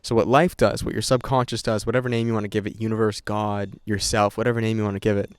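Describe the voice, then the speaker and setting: A young content creator chats unscripted to his camera, rambling, swearing freely and restarting often. His lowish voice is smooth, with little pitch movement and a quick pace. The audio is studio quality, with no room sound.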